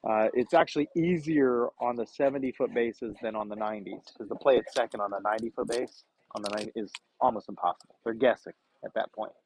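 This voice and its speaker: A man's voice: medium pitch, fast talker, hardly any pauses, a little mellow, slight background noise. A man calling a youth baseball game from beside the field in a chatty, easygoing way. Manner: chatty, laughs often. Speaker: play-by-play announcer. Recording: muffled lo-fi stream audio.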